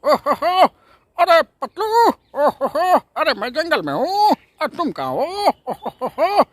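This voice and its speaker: A round, jolly cartoon hero who chuckles between every line and frets about being lost. The voice sits very high and swoops up and down. The sound is close and dry. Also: male voice, big pitch swings, takes it slowly, a bit bright, dry recording, exaggerated voice. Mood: worried calling. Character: chubby jolly male cartoon hero, easily scared.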